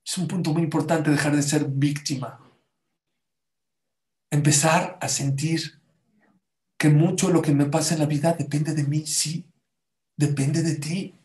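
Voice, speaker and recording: A man's voice: fairly high pitch, fairly even intonation, unhurried, long pauses, darkish tone. Male religious speaker, emphatic motivational sermon, slightly raised voice, roomy echo. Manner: emphatic, keeps asking the audience rhetorical questions. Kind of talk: motivational sermon to a live audience. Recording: echoey room.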